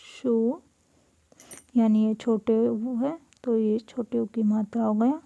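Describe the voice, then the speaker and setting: Woman teacher, very slow, deliberate, repeats each word, mellow voice, dry close sound. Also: a little high, steady tone, creaky, no echo, muffled recording. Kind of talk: classroom lesson explaining Sanskrit words in Hindi.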